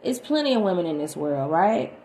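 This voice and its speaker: A woman giving a chatty, animated tarot reading to her viewers. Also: lowish voice, a little fast. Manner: animated, chatty, sings snatches of songs. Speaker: tarot reader. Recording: echoey room, faint background noise.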